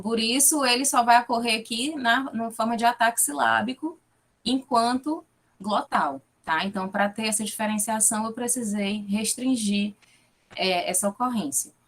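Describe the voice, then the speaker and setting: A woman from Fortaleza, Ceará, Brazil, with a fairly high, fairly bright voice and a Fortaleza accent, gives an academic talk over a video call. As a guest lecturer and linguistics researcher, she explains her findings and checks in often with her listeners.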